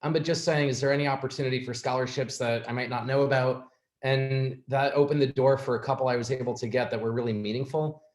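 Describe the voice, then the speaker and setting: A man on an alumni panel, recalling his student years in a measured way with small hesitations. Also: medium pitch, steady tone, a little mellow. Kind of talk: reflective panel talk. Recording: echoey room.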